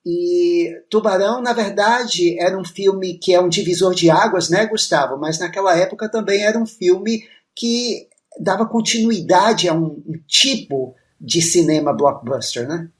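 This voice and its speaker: Slow, hesitant man. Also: sits high. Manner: slow, hesitant, many drawn-out fillers. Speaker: podcast co-host. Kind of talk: casual film music discussion.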